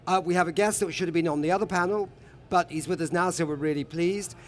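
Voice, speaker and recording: A man's voice: high voice, fast talker, slight background noise. A man hosting a live broadcast panel, introducing guests in a jovial, chatty way. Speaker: host. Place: lives in Berlin.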